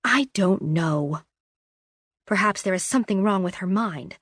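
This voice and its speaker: A woman's voice: medium pitch, a little slow, no echo, lightly acted. Woman doing a haughty cat-like spirit, irritated, superior, dry close sound.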